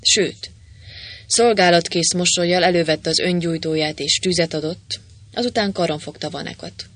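Hungarian audiobook reader, lively voice-work. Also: mid-range voice, no echo. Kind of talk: audiobook narration with character voices.

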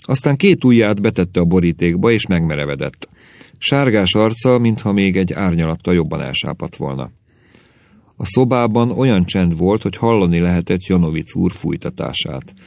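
A man narrating an audiobook in a measured, wry storytelling manner. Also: low voice, lively intonation, gravelly, a little mellow, dry recording.

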